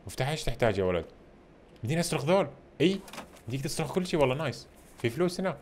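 An excitable man chatters through a video game, keeping up a running stream of remarks to his viewers. He talks at a racing pace in a voice of middling pitch. A faint background noise sits under the recording. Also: very fast. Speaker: gamer playing a video game. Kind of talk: casual gameplay commentary.

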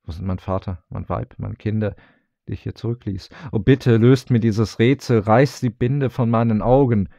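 A man's voice: lowish voice, moderate pace, vocal fry, dark tone, dry recording. A man reading a storybook, voicing a grief-stricken, bewildered young fisherman with pleading, anguished outcries.

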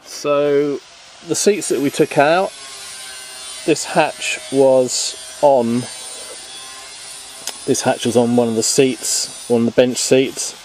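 A middle-pitched, chatty man in his forties talks through a boat repair outdoors, rambling and self-deprecating with plenty of ums. He's recorded on a handheld camera mic, with a faint outdoor hiss behind him. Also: steady tone, slow, long pauses, a little mellow. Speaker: boat renovation vlogger. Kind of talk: casual how-to commentary. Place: outdoors in a garden workshop.

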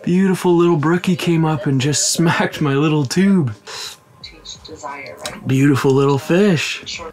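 Out on a frozen lake and inside a small tent, a thirty-something man from Ontario, Canada, runs his fishing channel vlog in an upbeat, chatty manner. His voice sits a little high with a darkish tone, and he keeps a measured pace. A camera mic picks him up, with faint music behind.

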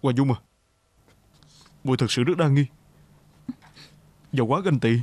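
A man dubbing an earnest, simple young hero who scolds a girl gently. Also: medium pitch, measured pace, breathy edge, dry recording. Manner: earnest, reproachful. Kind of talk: dubbed TV drama.

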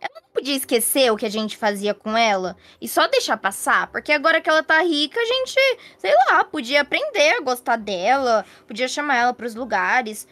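A woman's voice: high-pitched, expressive, brisk, few pauses, a bit bright, dry recording. A woman playing a fawning, two-faced aunt in a Roblox role-play story, sugary and whiny. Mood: scheming. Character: scheming fawning aunt, middle-aged woman.

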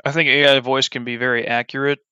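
A man's voice: medium pitch, level tone, quick pace, pushed and bright, clear, resonant tone, no echo. A man giving casual gameplay commentary as a gaming YouTuber, rambling bluntly with many ums and restarts. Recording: slightly dull, dry recording.

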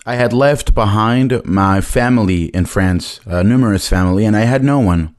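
A man interpreting a testimony live in a church hall, measured and plain, holding a handheld mic. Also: lowish voice.

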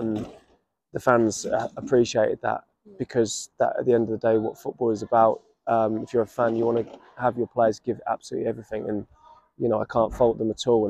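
Brief: English male football manager in his thirties, post-match, even flat delivery, dark tone, outdoor pitchside. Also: no room sound. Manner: reflective, measured, many restarts. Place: outdoors by a stadium running track. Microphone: camera at standing distance.

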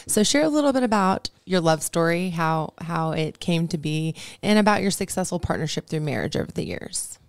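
A woman's voice: fairly low pitch, animated, fairly quick, gravelly, hardly any pauses, smooth, dry recording. A woman hosting a podcast interview in a studio, upbeat, effusive and playful. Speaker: podcast host. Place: radio studio.

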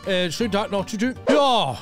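A young man with a high voice doing let's play commentary, role-playing as a babysitter. He talks loudly and excitably, in an exaggerated way, often breaking into shouts. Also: moderate pace, faint music behind. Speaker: gaming YouTuber.

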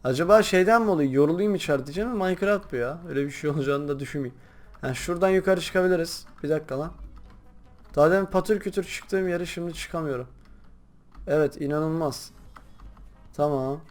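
A young man chatting casually while playing a game, rambling to his viewers and breaking into loud excited shouts. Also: on the high side, a little fast, pauses often, faint music behind. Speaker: gaming YouTuber. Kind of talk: casual gameplay commentary.

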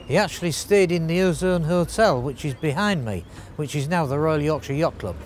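A man's voice: a little high, expressive, normal speed, a little hiss or hum. An older man giving a local history talk in front of a brick wall, explanatory and hesitant with many fillers. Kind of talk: spoken local history presentation.

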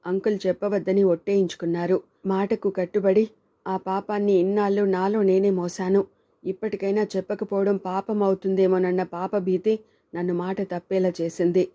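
A woman's voice: medium pitch, little pitch movement, normal speed, dark tone, lightly acted. A woman voicing a man who fiercely protects a writer friend in a storybook reading, scolding and defiant. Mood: remorseful.

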